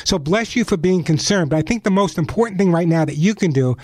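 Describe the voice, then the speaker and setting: A man's voice: sits high, animated, quick pace, a little mellow, dry recording. A man hosting a live radio call-in show, talking chattily and directly to listeners on a close microphone. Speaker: radio pet advice show host. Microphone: close studio microphone.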